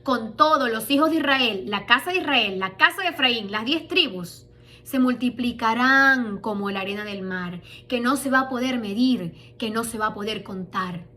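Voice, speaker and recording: High, bright-voiced woman preaching. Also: moderate pace. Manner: emphatic, rhetorical questions, quoting scripture dramatically. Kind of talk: sermon.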